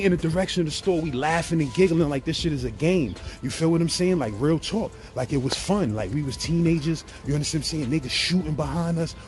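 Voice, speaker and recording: A man with a New York accent telling a casual, profane, animated story, often asking if you follow him. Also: a little high. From Brownsville, Brooklyn, New York. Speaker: guest telling prison stories.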